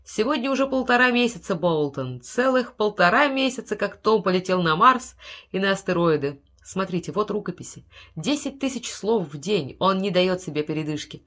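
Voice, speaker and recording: A woman's voice: mid-range voice, lively intonation, normal speed, a bit bright. A woman reading an audiobook, voicing a frail old man who pleads with breathless urgency. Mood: excited. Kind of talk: audiobook character voice.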